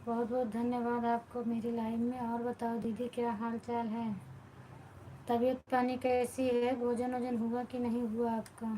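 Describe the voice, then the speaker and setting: Soft-spoken woman greeting stream viewers. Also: a little high, monotone, unhurried, a little hiss or hum, poor audio. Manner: quiet, keeps her voice down while others sleep; warm greetings, devotional blessings to viewers. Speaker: live-stream host chatting with viewers. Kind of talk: casual live chat. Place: home at night.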